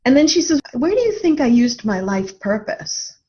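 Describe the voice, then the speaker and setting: A mellow, sing-song voice on the high side belongs to a middle-aged woman, a life coach guesting on a podcast, who speaks at normal speed. Her reflections are earnest and thoughtful, built around personal anecdotes, and the lo-fi recording sounds dull.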